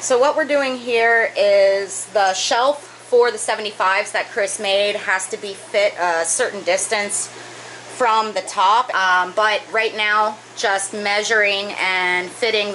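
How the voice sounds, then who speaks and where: In her thirties, a woman aquarium hobbyist vlogger casually explains a project step by step from her basement fish room, using a few fillers. Her mid-range voice is steady, slow and fairly bright, and the audio is poor with slight background noise.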